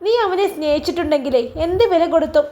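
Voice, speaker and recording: A woman reading a gruff young man in a spoken story, curt and menacing. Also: high voice, quick pace, mellow, close to an everyday voice.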